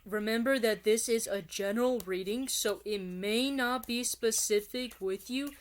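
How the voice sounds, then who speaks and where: A tarot reader with a slightly high voice speaks a little slowly as she gives a casual, chatty, rambling reading, addressing her viewers directly as "you guys."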